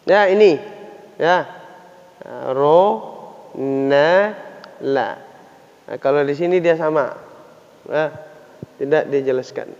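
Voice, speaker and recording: A man's voice: fairly high pitch, slow pace, long pauses, a little mellow. A man teaching recitation to a class in a mosque, patiently drilling letter sounds over and over. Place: mosque hall. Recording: echoey hall, dull lo-fi sound.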